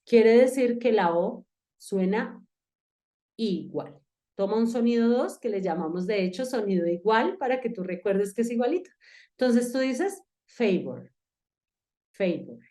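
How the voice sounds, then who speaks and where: A woman's voice: a little high, expressive, normal speed, dark tone. A woman teaching an online English phonetics lesson, patiently explaining step by step and speaking directly to the student. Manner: patient, explanatory, addresses the student directly and repeats key steps.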